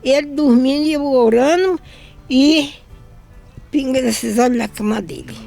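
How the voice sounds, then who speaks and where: A woman's voice: high voice, lively intonation, a little slow, creaky, dark tone, soft background music. An older woman from northeastern Brazil giving an emotional religious testimony about her son, often repeating herself and quoting others.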